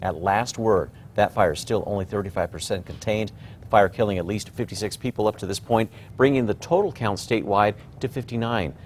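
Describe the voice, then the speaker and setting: Male news anchor, lower register, scripted broadcast delivery, faint background noise. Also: brisk.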